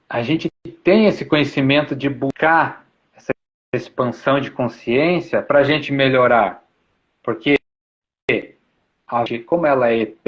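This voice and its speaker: A man with a fairly high voice gives an informal spiritual talk, explaining his ideas patiently and circling back to repeat them. He keeps checking in with little tag questions. The recording is dull and lo-fi. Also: a bit bright. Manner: repetitive, explanatory, uses many tag questions. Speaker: spiritual speaker. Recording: dull lo-fi sound.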